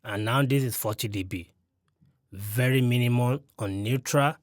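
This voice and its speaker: A man's voice: medium pitch, moderate pace, no room sound. Man, mid-range voice, close studio mic, explanatory gear-review delivery, very dry. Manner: explanatory, walks through settings step by step. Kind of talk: mic test demonstration. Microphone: studio condenser mic close up.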